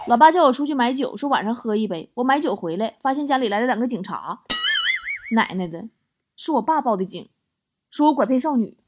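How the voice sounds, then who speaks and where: Woman, joke reader, lively storytelling, quotes characters. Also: fairly high pitch, fairly quick, over music. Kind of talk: reading funny stories aloud.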